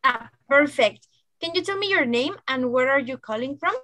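High-voiced upbeat woman host. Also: animated, moderate pace, bright, forceful tone. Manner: upbeat, encouraging, chatty. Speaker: show host. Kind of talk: lively online show hosting. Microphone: video call.

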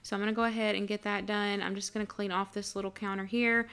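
Woman, 30s, homemaking vlog voice-over; friendly and chatty, crisp and resonant tone. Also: medium pitch, flat delivery, fast, a bit bright. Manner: chatty, friendly, laughs easily. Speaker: homemaking vlogger. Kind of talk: casual voice-over narration.

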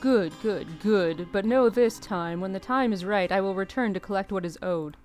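A woman's voice: medium pitch, normal speed, darkish tone, close to an everyday voice. A woman voicing a grumpy, sardonic male demon with a haughty manner as she reads game dialogue. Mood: ominous. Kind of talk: reading game dialogue in character. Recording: music behind the voice.

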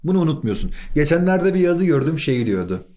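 A man teaching an exam-prep grammar lesson. He quizzes himself in quick question-and-answer steps and drops playful asides. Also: on the high side, very animated, warm tone.

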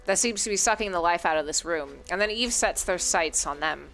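A woman streamer reading a story game aloud, breaking off into animated, crude jokes. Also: fairly low pitch, fairly quick, faint music behind.

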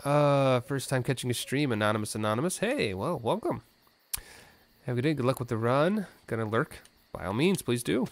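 A man's voice: medium pitch, expressive, normal speed. A man streaming a game live, chatting with viewers between wry reactions to the gameplay. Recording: game music playing behind the voice. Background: game music.

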